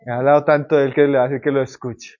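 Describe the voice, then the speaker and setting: A man delivers a passionate sermon, alternating between loud, emphatic lines and quiet, low ones while calling his listeners brothers. He repeats himself and speaks to them directly as brother. Despite the swings, his delivery is flat and racing, and the recording sounds lo-fi.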